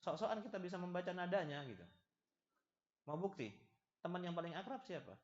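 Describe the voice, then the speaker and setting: This lively, animated male preacher is giving a religious study lesson, his voice sitting high and his delivery brisk. He acts out little dialogues and jokes with the audience, recorded in an echoey hall that sounds slightly dull.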